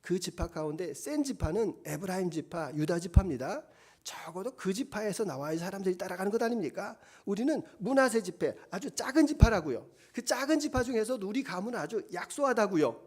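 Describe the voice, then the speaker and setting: A man's voice: high voice, lively intonation, a little fast, darkish tone, husky. A man voicing a timid male biblical hero who complains, pleads and makes excuses as he retells the story in a sermon. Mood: pleading excuses. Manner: whiny, pleading. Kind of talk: sermon retelling with acted quotes.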